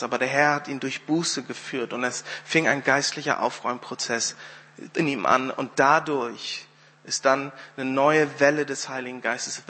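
A man's voice: medium pitch, pushed and bright. A man preaching a sermon, telling a story loosely with many fillers and restarts, then leading a prayer. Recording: long hall reverb.

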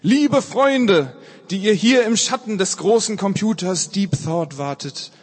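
A man voicing an excitable orator who addresses a crowd with loud, declaiming enthusiasm in a storybook reading. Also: high voice, measured pace, slightly rough, long reverb tail, pitched above the performer's own voice, heavily acted. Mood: rousing. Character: excitable male crowd orator, rousing and eager.

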